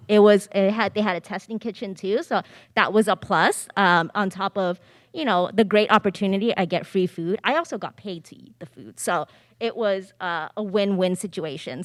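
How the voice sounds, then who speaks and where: Woman in her 30s chatting through a panel talk, easygoing, crisp smooth voice. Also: mid-range voice, no room sound, studio quality. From Southern California, United States. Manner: casual, conversational and upbeat. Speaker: panelist speaking on finance. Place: library theatre stage.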